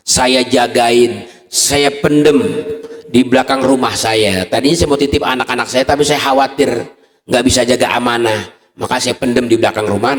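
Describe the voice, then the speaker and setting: A man's voice: mid-range voice, voice pushed up, lightly acted. A preacher voicing a dead pious man who speaks earnestly from a well, in an echoey mosque hall.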